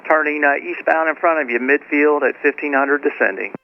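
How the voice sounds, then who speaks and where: Brisk male controller over aviation radio. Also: on the high side. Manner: brisk, businesslike, routine phrasing. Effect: two-way aviation radio transmission. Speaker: air traffic controller. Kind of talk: clipped radio instructions to pilots. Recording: muffled radio audio with faint hiss.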